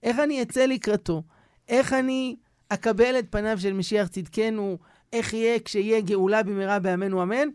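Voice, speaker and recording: Man, rabbi, radio storytelling, animated, dry close mic. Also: sits high, clean tone, no echo. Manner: animated storyteller, acts out scenes.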